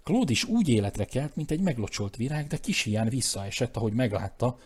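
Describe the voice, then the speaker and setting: A man narrating a comic story aloud, shifting his voice for the characters in the dialogue. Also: husky. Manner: lively, shifts pitch for quoted characters. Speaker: audiobook narrator.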